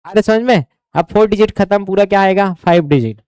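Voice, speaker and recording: A man's voice: sits high, brisk, a little mellow, clean tone, no echo, studio quality. A man with a Chhattisgarhi accent teaching an exam coaching class, drilling numbers over and over and often asking if the students follow.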